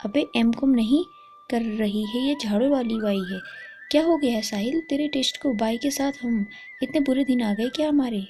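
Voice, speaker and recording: A woman's voice: fairly high pitch, normal speed, dark tone, faint music behind, close to an everyday voice. A woman voicing a brash young college man who teases his friend. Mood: teasing. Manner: brash and teasing.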